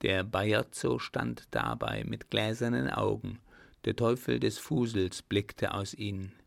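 A man reading a novel aloud as narrator, in measured, even storytelling. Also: fairly low pitch, vocal fry, no echo. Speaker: audiobook narrator. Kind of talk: scripted narration.

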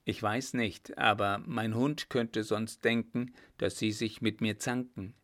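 A man voicing a sly, cheeky coachman who talks calmly and teasingly. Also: fairly low pitch, takes it slowly.

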